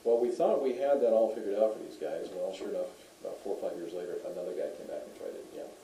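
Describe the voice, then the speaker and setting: A man's voice: sits low, quick pace, mellow, slight background noise. A middle-aged man, a police officer, telling stories to local residents in a chatty way with many fillers and restarts. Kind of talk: anecdotal community talk. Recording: echoey room, voice heard from a distance.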